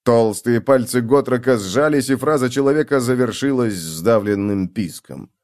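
A man's voice: medium pitch, normal speed, darkish tone. A man narrating a fantasy novel as an audiobook, reading expressively and voicing each character.

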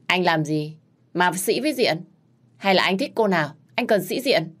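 A woman's voice: fairly low pitch, expressive, normal speed, fairly bright tone. A woman voicing a pregnant young wife who sulks and argues with her husband. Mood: protesting.

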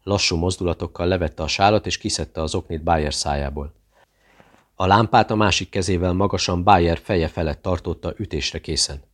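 A man narrates a thriller audiobook in a steady, measured way. His voice sits very low. The reading is even and controlled.

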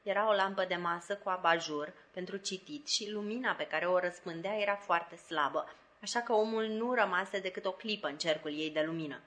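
A woman narrating a classic novel as an audiobook in a measured, even storytelling manner. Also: fairly low pitch. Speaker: audiobook reader.

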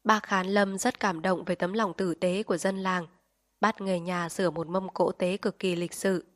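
A woman narrating an audiobook in a calm, measured storytelling voice. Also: fairly low pitch, no room sound, studio quality. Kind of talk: audiobook reading.

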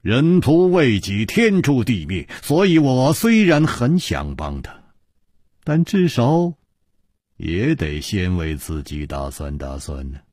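Man doing a chill wry hero, lowish and slow, kinda husky, dry sound. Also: big pitch swings, a little mellow, no room sound, exaggerated voice. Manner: unhurried, dry and easygoing. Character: calm, wry gentleman hero. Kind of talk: Chinese storytelling broadcast.

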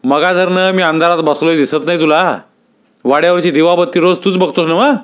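A man voicing a stern older village landlord who talks gruffly and scolds. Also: high voice, moderate pace, voice pushed up, natural voice. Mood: angry scolding.

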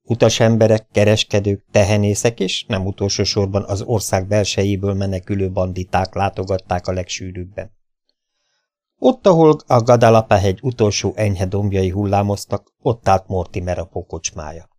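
A man narrating an audiobook in a steady, plain storytelling manner. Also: on the low side, no room sound, clean studio sound. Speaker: audiobook reader.

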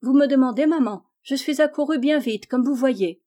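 A woman reading aloud, voicing a spoiled and insolent little girl with a high, pert, raised voice. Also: normal speed, dark tone, natural voice. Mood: eager.

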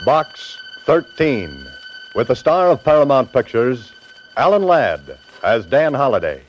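A man's voice: medium pitch, very animated, measured pace. A man announcing a radio drama in a dramatic 1940s style. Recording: muffled vintage radio recording, loud music.

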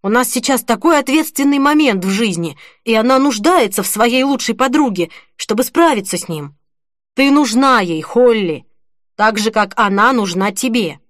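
A woman's voice: on the high side, animated, normal speed, dry recording, studio quality. A woman reading the part of a grown man who earnestly and firmly consoles a grieving friend in an audiobook. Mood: gentle, firm. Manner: earnest, persuasive, gently firm.

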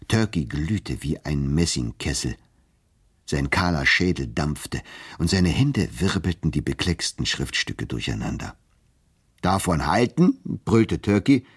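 A man narrating a literary reading of a novella in a measured, expressive, wry way. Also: very deep voice, breathy edge.

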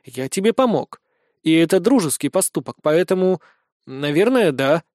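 A man's voice: a little high, lively intonation, moderate pace, darkish tone, no room sound, clean studio sound, natural voice. A man voicing a naive young man who speaks in a plain, matter-of-fact, innocent way in an audiobook. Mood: earnest. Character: naive young man, earnest and literal-minded.

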